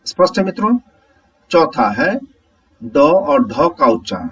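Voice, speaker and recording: A man teaching a Hindi grammar lesson, explaining slowly step by step and asking the viewers whether it is clear. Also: a little high, sing-song, fairly bright tone, far from the mic, low-quality recording.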